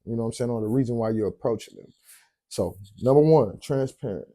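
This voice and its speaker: A tired man with a very dark, mellow voice talks in a laid-back, rambling way, trailing off with ums while he hunts for words. He chats casually, like a late-night host winding down. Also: medium pitch, fairly quick. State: tired, yawning. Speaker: podcast host.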